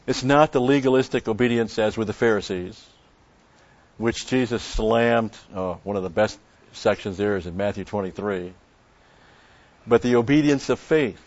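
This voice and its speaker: A man preaching a sermon in a measured way, with emphatic stresses. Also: on the low side, a little mellow, no room sound, lo-fi sound. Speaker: pastor.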